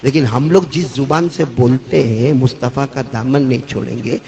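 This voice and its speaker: A man preaching a sermon, throwing questions at the gathering and swinging between loud, high cries and hushed, low words. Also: fairly even intonation, vocal fry, dull audio. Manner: calls out questions, pushes the crowd to answer. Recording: crowd audible behind. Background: crowd.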